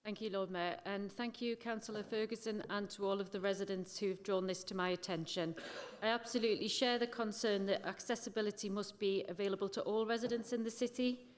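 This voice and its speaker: A woman's voice: medium pitch, steady tone, a little fast. A female cabinet member of a city council giving a courteous, formal reply to residents' petitions. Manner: courteous, thanking and promising site visits. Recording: council chamber with long reverb.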